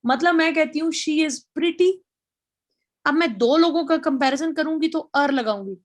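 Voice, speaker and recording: A woman's voice: high voice, measured pace. A woman with a Pakistani accent giving a grammar lecture, explaining step by step and spelling out English example sentences. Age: middle-aged.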